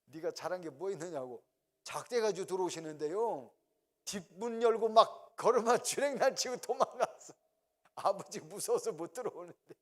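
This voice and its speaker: A middle-aged man preaches, weaving childhood stories into his sermon and laughing along with them. His voice sits a little high and swings widely, dropping to quiet, low tones when he mimics his mother and father. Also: animated, moderate pace. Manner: storytelling, acts out parents' voices, laughs often. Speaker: pastor.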